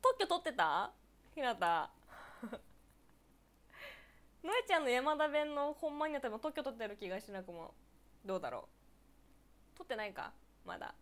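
A woman's voice: on the high side, very animated. A young woman in her twenties from Niigata, chatting casually on her own live stream, answering viewer comments and giggling often. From Niigata, Japan. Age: 20s. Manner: giggly, laughs often between phrases; chatty and playful, quick reactions.

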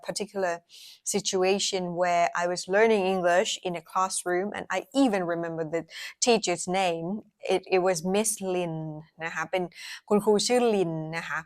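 Unhurried Thai woman, young adult, casual pronunciation teacher, switches languages, models words slowly. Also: mid-range voice. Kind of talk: casual spoken lesson.

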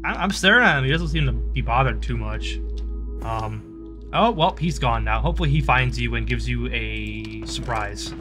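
A young man with a medium-pitched voice talks at normal speed while playing a horror game with a friend, teasing him and yelping and shouting when startled. This casual gaming chat has music playing over his voice.

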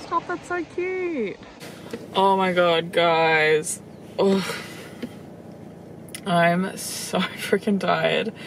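An Australian woman with a gravelly, fairly low voice vlogs animatedly but extremely slowly, pausing often. As a travel vlogger on a road trip, she chats casually to a handheld camera or phone from the car and outdoors, using plenty of fillers and saying "like" a lot. The audio is noisy with vehicle and outdoor sound.

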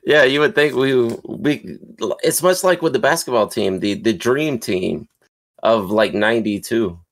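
A man's voice: mid-range voice, expressive, measured pace. A man hosting a podcast in casual chat, a chatty storyteller who laughs easily.

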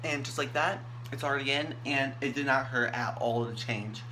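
A young man talks casually as a vlogger. His voice is bright and sharp at an average male pitch. He is recorded in a small bathroom at arm's length, with some background noise. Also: moderate pace. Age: young adult. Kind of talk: casual chat.

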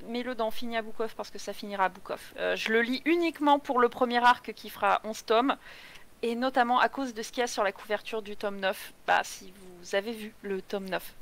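A woman co-hosting a live manga chat who sums up plots in a brisk, sarcastic way. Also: fairly high pitch, a bit bright. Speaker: streamer co-host reviewing manga. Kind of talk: casual chat with scripted summary. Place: live stream.

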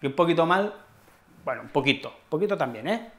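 A man's voice: on the high side, expressive, brisk. A man with a Spain accent teaching an online Spanish lesson in a chatty, playful way, often adding tag questions.

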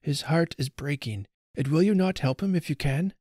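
A man voicing a grave, solemn old Father Time who speaks gently and gravely. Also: fairly high pitch, normal speed, no echo, clean studio sound, voice pushed up, natural voice.

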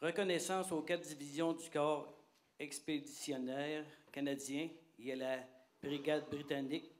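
An older man reading a commemorative text formally, in measured short phrases. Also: a little high, steady tone. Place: community hall with seated audience. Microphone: handheld microphone.

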